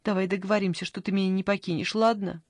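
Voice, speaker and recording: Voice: fairly even intonation, fast, dry recording, natural voice. A reader voicing a fussy, clingy old grandmother in an audiobook, pleading and fussing in a raised voice. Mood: pleading, anxious. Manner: pleading, fussing, high-pitched outbursts.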